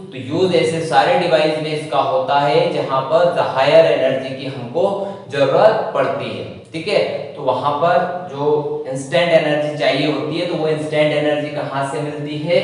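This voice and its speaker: A male physics teacher with a sore throat gives a classroom lecture, asking the students questions and answering them himself. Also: a little high. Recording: echoey hall, voice from far off.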